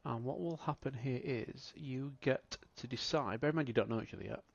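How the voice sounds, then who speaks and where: A man running an online tabletop game as game master, talking in halting bursts with many fillers. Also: medium pitch, vocal fry, husky. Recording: dull lo-fi mic.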